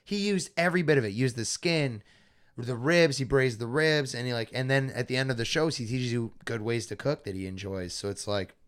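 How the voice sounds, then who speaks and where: A man's voice: medium pitch, fairly quick, fairly bright tone, clean tone. A man hosting a podcast, chatting in a rambling, enthusiastic way. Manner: enthusiastic, rambling, many fillers. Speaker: podcast host. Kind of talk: casual chat.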